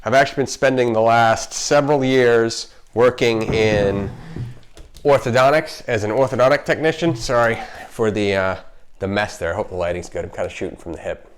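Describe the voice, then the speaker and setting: A man's voice: mid-range voice, moderate pace, clear, resonant tone. A man with a slight lisp from wearing retainers, chatting casually and emphatically as he hosts an unscripted explainer vlog, often interrupting himself. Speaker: video host, marketer. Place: home kitchen.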